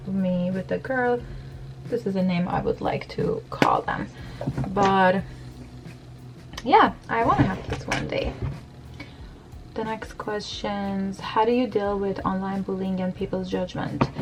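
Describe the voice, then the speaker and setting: A medium-pitched woman's voice with vocal fry comes through poor audio from a desk camera. She's a beauty blogger from Iran in her thirties, chatting openly with plenty of fillers while she does her makeup for a Q&A get-ready-with-me video in her home bedroom.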